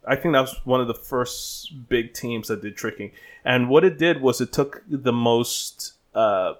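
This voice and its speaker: A man in his thirties from the Bahamas, a stunt performer telling his story as an interview guest in a relaxed, rambling way full of restarts and fillers. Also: medium pitch, a little slow.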